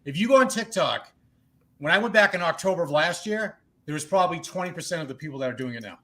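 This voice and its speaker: A man with a thick Boston accent rattles through his lines at a quick clip, his voice pitched a little high. The tone is bright and forceful, full of quick jokes as he hosts a casual podcast chat. He talks over a video call from his bedroom. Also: expressive. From suburbs of Boston, United States. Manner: fast, joking banter. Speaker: podcast host.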